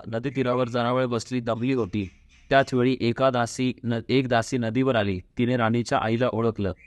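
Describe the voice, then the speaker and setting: A man's voice: mid-range voice, no room sound. Man reading a devotional folk tale. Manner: steady, measured storytelling. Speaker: storyteller.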